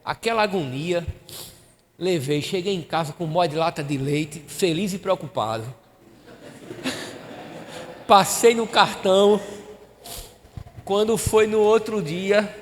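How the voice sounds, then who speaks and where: High-voiced pastor preaching. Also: male voice, a little hiss or hum. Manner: emotional storytelling, acting out dialogue. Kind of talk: sermon. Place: church hall. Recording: reverberant hall.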